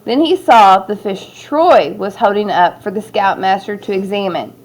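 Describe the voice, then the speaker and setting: A woman narrating a children's story aloud in an expressive, clear storytelling delivery. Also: mid-range voice, moderate pace.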